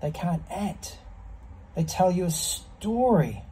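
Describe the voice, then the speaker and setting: A man in his fifties giving a reflective monologue to camera, speaking contemplatively in short, measured phrases with pauses between them. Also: high voice, animated, mellow, breathy edge. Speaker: ice bath practitioner. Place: small block-walled semi-outdoor space, in an ice bath.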